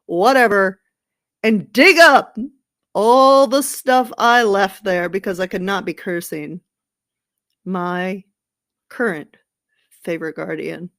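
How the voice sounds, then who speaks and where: Woman, podcast host, solo late-night sports chat, unhurried delivery, sarcastic, gossipy, rambling. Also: mid-range voice, fairly bright tone.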